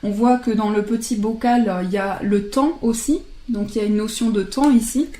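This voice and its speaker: A woman casually shows off oracle card decks, chatting and laughing softly at herself as she translates the card titles aloud. Her voice is medium-pitched at a moderate pace, and the room is echoey.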